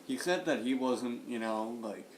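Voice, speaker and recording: A man's voice: mid-range voice, a little slow, reverberant, a crowd in the background. A man chatting casually on a live stream, rambling through a story and tagging his lines with "right?". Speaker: stream co-host. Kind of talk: casual chat watching sports.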